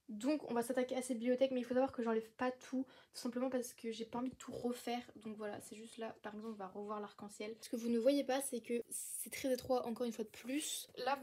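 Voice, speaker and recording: A woman's voice: on the high side, slight background noise. A young woman, chatting casually to viewers while sorting her bookshelves. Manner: chatty, rambling, talks to viewers while working. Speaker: book vlogger. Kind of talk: casual chat while tidying shelves.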